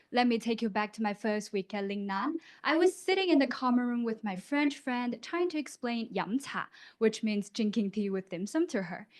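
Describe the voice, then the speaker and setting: This rehearsed competition speech comes from a young woman, a student contestant with a slightly high voice. Originally from Guangdong, China, and a native Cantonese speaker, she delivers it expressively, posing rhetorical questions.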